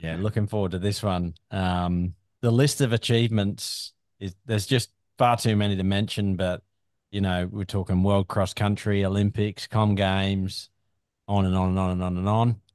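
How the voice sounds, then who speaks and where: A man's voice: deep voice, fairly even intonation, moderate pace, a little mellow, no room sound, studio quality. A man hosting a running podcast, easygoing and hesitant with fillers. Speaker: podcast host.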